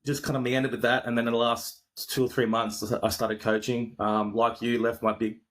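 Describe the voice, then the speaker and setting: Over a video call, this Australian man, a podcaster and coach, rambles through a casual interview chat in a laid-back way, full of fillers and restarts. His mid-range voice is a bit bright, with flat delivery at a moderate pace.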